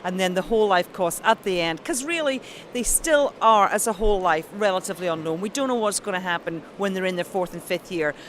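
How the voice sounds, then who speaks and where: Interviewed at a trade show, this Belfast account manager speaks with a Northern Irish accent in an upbeat, enthusiastic, polished phone-style manner. Her voice is mid-range and a little fast, with few pauses and slight hiss or hum.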